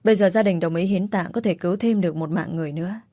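An anxious husband coaxing and urging calm, as a woman reads him out in a storybook, in a low, mellow and dry close voice. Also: fast, dry recording, close to an everyday voice. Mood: urgent. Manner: urgent, coaxing.

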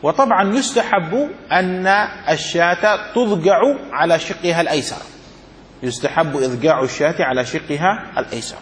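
A man teaching a classroom lesson as a sheikh, reading out a text, then explaining it, repeating phrases and asking if it is clear. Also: fairly high pitch, brisk, a bit bright, long reverb tail, a little hiss or hum. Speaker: sheikh teaching Islamic law.

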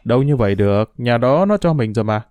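A man's voice: medium pitch, expressive, quick pace, darkish tone, no echo, lightly acted. A man voicing a stubborn, domineering older mother who scolds her daughter with contempt, in a storybook reading. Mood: alarmed.

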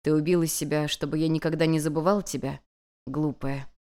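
A woman voicing an ancient male god, a weary and restrained teacher speaking softly and evenly. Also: low voice, voice pushed down, close to an everyday voice. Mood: weary calm. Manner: soft, even and measured.

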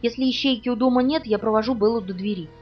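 A woman's voice: fairly high pitch, fast, pitched above the performer's own voice, lightly acted. Woman voicing a terse young man giving orders. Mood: urgent. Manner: clipped, insistent orders. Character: tense young male protector, terse and commanding. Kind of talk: audiobook reading. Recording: dull distant audio with music behind.

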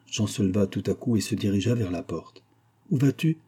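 A man narrating a novel in a steady, unhurried audiobook reading. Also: fairly low pitch, husky. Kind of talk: scripted narration.

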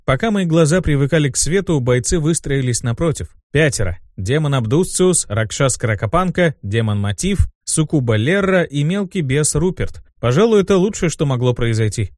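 A man reading a first-person audiobook in a steady, measured way. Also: a little high, dry recording, clean studio sound. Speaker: audiobook narrator.

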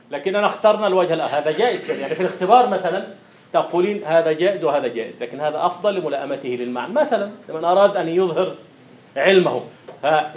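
A man's voice: a little high, background noise. A man, a university lecturer teaching poetic meter, quizzing students and chanting rhythm syllables. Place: classroom. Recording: roomy classroom echo.

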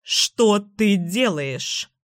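A woman voicing a cold, menacing mother who speaks in a slow, clipped, hissing way, in an audiobook. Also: mid-range voice, lightly acted. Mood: icy. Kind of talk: audiobook character voice.

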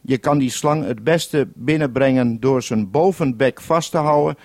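This mainland radio programme maker talks a listener through directions step by step over a two-way radio, ending his turns with a procedure word, in a vintage 1971 broadcast recording. He has a mid-range, darkish voice at normal speed, and there's no echo.

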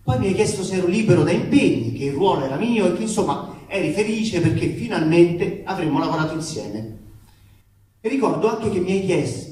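An actor gives a comic, theatrical reading of a letter, emphatic, aggrieved and ironic, in colloquial language that includes swearing. His voice is on the high side with a darkish tone. The mic is distant in an echoey room with faint noise.

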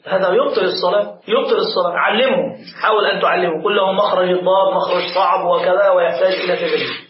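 A high-pitched man, teaching a class as a sheikh and talking quickly. He explains points and demonstrates how letters are pronounced. The recording is dull and lo-fi, in an echoey room. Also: a crowd in the background. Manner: animated teacher, demonstrates pronunciation slowly, answers questions. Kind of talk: religious lesson to a live class.

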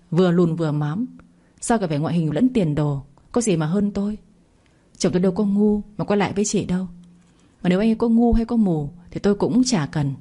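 A woman's voice: lowish voice, mellow, slightly rough. Woman voicing a cold, defiant young wife. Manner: cool, cutting retorts.

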